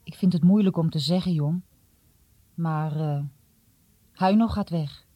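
A man voicing a gentle, worried teenage boy in an audiobook, speaking hesitantly and softly. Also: on the high side, unhurried, no echo, highs cut off. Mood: sad. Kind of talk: audiobook reading.

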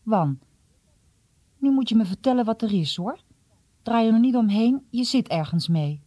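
Casting: a reader putting on a quick, eager teenage boy, pitched up a little, in a close, dry, husky audiobook read. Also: animated, warm tone, dry recording. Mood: earnest. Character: cheerful proud teenage boy. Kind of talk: audiobook reading.

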